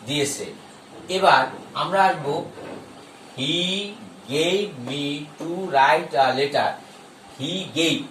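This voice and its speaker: Male grammar teacher, slightly high voice, emphatic and slow on examples; echoey room, set back from the mic. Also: a bit bright, far from the mic, slight background noise. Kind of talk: explaining a grammar lesson.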